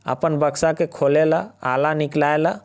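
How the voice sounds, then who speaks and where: A man's voice: a little high, steady tone, measured pace. A man with a Nagpuri accent teaching a class, reading out lines of a Nagpuri play and explaining each one with rhetorical questions. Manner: reads dialect lines then paraphrases them, asking rhetorical questions.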